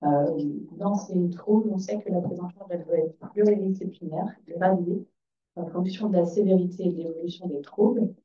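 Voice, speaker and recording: A hoarse woman with a raspy, breathy, nearly lost voice giving a conference presentation as a child psychiatrist. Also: on the low side, steady tone, normal speed, dark tone. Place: conference room. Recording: echoey, distant, dull hall microphone.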